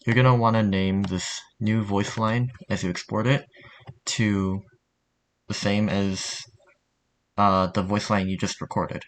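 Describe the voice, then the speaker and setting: Narrating a tutorial, a man speaks in a fairly low, steady voice at a measured pace. His style is casual, offhand, and informal, with a bit of mild cursing.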